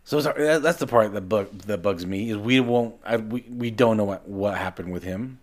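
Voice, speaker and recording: A man's voice: on the low side, moderate pace. A man co-hosting a podcast in casual chat, talking animatedly and often repeating words as he restarts. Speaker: podcast co-host.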